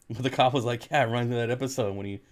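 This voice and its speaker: An American man hosts a casual livestream, reading viewer comments and answering them in a laid-back, jokey way. His mid-range voice keeps a steady tone and comes out rapid-fire.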